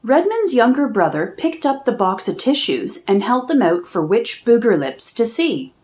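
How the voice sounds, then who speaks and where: A woman with a fairly high-pitched voice reads a children's picture book aloud, telling the story slowly and expressively.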